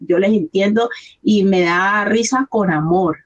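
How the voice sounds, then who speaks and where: Husky woman pastor preaching. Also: medium pitch, a little slow, lo-fi sound. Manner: earnest, conversational preaching, acts out quoted voices. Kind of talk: sermon.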